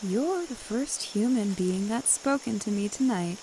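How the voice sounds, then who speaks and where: A woman's voice: mid-range voice, animated, measured pace, dark tone, lightly acted, rough recording. A woman playing a seductive, commanding immortal witch in a retro radio drama, coaxing and self-assured. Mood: coy, eager. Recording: faint background noise and hiss.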